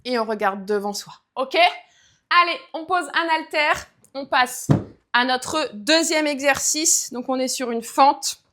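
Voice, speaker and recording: Lady fitness coach counting reps, slow steady talk, high voice. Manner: counts reps and cues form while exercising. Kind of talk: guided workout instruction.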